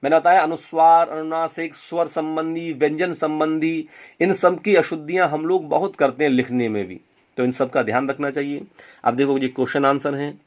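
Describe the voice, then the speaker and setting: A man's voice: a little high, steady tone, moderate pace. A man teaching a Hindi grammar lesson, repeating words and asking and answering his own questions. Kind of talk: classroom lesson.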